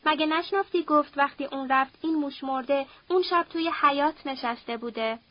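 A woman's voice: high voice, muffled recording, natural voice. Brief: a woman playing a cutting, scornful mother; storybook reading. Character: scornful sharp-tongued middle-aged mother.

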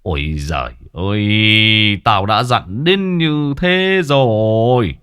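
A man voicing a gruff older village chief, scolding impatiently. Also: on the low side, expressive, takes it slowly, a bit bright.

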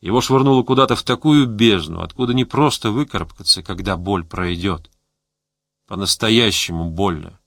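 A man's voice: medium pitch, dry recording, clean studio sound. Man reading an audiobook. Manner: measured, steady reading. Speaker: audiobook narrator. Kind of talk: scripted narration.

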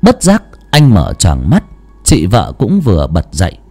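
A man narrating an audiobook story in an expressive storytelling manner. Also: low-pitched, unhurried, husky.

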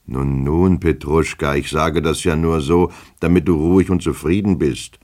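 A man's voice: rumbling low, fairly even intonation, moderate pace, a little mellow. A man reading a fretful, fussy middle-aged clerk who speaks mildly and mutters to himself. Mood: coaxing. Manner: mild, coaxing, then muttering to himself.

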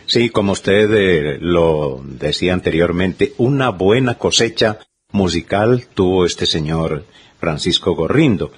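A man's voice: deep voice, expressive, a little slow, slightly rough. A man co-hosting a radio show, polite and careful as he reads out details. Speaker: radio co-host. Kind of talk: conversational radio commentary.

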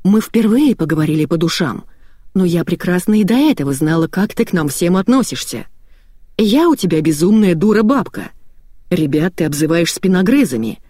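A woman voicing a weary, stern elderly grandmother who scolds calmly. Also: on the low side, normal speed, slightly rough, no room sound, clean studio sound.

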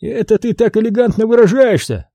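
Man playing a jokey older café owner, lively swoops, husky, dark. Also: sits high, fairly quick, dry recording, clean studio sound, voice pushed up, full character voice. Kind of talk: audiobook character voice.

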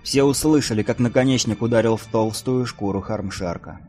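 Low-voiced man narrating an audiobook. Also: fairly quick, darkish tone, soft background music. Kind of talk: scripted narration.

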